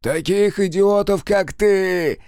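A man's voice: fairly high pitch, a little slow, gravelly, no room sound, clean studio sound, pitched above the performer's own voice. A man voicing a wounded, foul-mouthed middle-aged ex-convict who snaps defiantly at his captors. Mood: snarling. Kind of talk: audiobook character voice.

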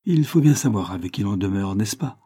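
A man's voice: on the low side, expressive, a little fast, mellow, slightly rough, no room sound, clean studio sound. A man reading the lines of a kindly, slightly plaintive older woman neighbor in a story. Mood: friendly.

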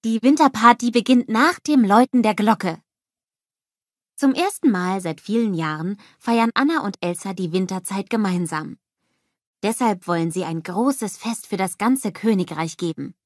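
A woman narrating a children's storybook in a scripted, expressive storytelling manner on a close studio mic. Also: medium pitch, moderate pace, no room sound. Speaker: audiobook narrator.

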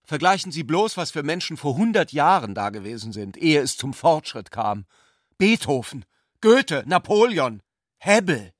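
An actor playing a scornful, hot-tempered young man who bursts out shouting in a radio play. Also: fairly high pitch, very animated, normal speed, dry recording, studio quality, voice pushed up. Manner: shouting in outbursts.

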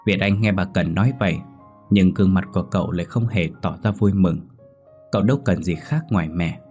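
A man narrating a ghost story in a steady, somber manner. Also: deep voice, fairly quick. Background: faint music.

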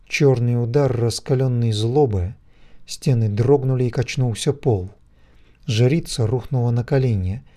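A man narrating a dark fantasy audiobook in a measured, rhythmic storytelling manner. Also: mid-range voice.

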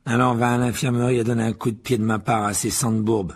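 A man voicing Malfoy, a sneering raspy boy wizard. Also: lowish voice, steady tone, fairly quick, darkish tone. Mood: gloating. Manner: scornful, gloating. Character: sneering arrogant pure-blood boy wizard.

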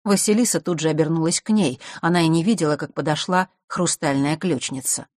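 Low-voiced woman narrating a story. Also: a little fast, darkish tone, no room sound, studio quality. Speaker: audiobook narrator. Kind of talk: scripted narration.

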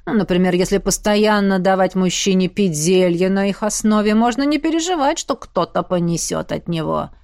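A woman reading an audiobook, voicing a mad, cruel villainous queen who taunts slowly and savors her words. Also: medium pitch, darkish tone, dry recording, studio quality, close to an everyday voice. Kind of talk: audiobook character voice.

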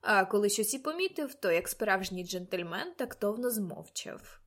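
A woman reading an audiobook, voicing a spirited society lady who speaks briskly and tartly. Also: medium pitch, lively intonation, fairly bright tone. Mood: tart lively.

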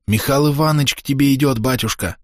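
A man's voice: medium pitch, fairly quick, dry recording, clean studio sound, voice pushed up, lightly acted. A man voicing an anxious young male sect follower in an audiobook.

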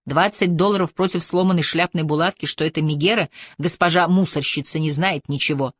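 A woman's voice: low voice, steady tone, brisk, no room sound, studio quality. A woman narrator voicing a stern, arrogant male police superintendent who gives curt orders. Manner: curt, haughty commands.

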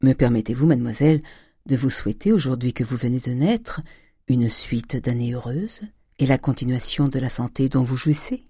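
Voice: medium pitch, moderate pace, mellow, breathy edge, no echo, clean studio sound, close to an everyday voice. A reader voicing a stiff, pompous magistrate who offers sententious, formal compliments.

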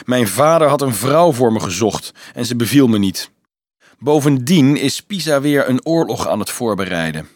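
Man reading as a teasing young male student, mid-pitched, dry close sound; storybook role. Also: lively intonation, moderate pace, no room sound, lightly acted. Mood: wry. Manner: light, teasing, evasive.

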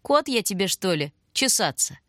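A woman's voice: mid-range voice, big pitch swings, normal speed, fairly bright tone, no echo, studio quality. A woman voicing a sly, pushy old man with a quavering, rattly voice in a storybook reading. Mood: teasing.

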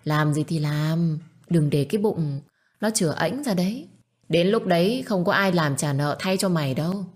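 A woman's voice: lowish voice, normal speed, a little mellow, close to an everyday voice. A woman voicing a spiteful middle-aged stepmother who screeches insults and taunts. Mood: scolding.

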